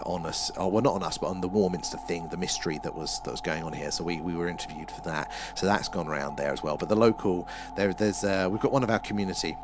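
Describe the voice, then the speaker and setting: The audio is noisy, and the speaker has a low voice. He is an Essex man hosting a laid-back livestream from a small home room, working through viewers' comments with self-mocking, meandering replies.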